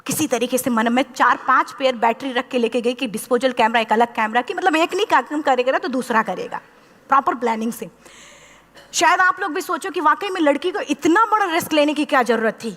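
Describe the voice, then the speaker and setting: Woman, 30s, motivational speaker, passionate storytelling, slightly high voice, big hall reverb. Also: animated, brisk, fairly bright tone. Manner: impassioned storytelling, acting out quoted dialogue. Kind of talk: motivational speech to a live audience.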